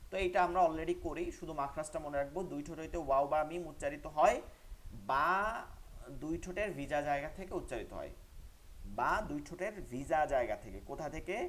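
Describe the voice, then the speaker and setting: A man teaching an online Quran pronunciation class, explaining sounds and repeating them slowly for learners to copy. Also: on the high side.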